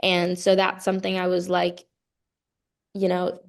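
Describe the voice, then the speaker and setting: Young woman, lower-pitched, earnest and emphatic, effusive, casual interview guest, athlete. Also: completely flat delivery, measured pace, vocal fry. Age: young adult. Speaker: college gymnast, interview guest.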